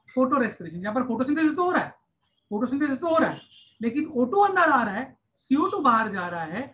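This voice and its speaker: A woman's voice: sits high, fairly bright tone. A woman with an Indian accent teaching a science class online, chatty and playful, switching between Hindi and English. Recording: dull lo-fi online class audio.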